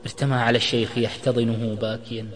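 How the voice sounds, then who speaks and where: A man's voice: medium pitch, flat delivery, fast. Male story narrator with long reverb.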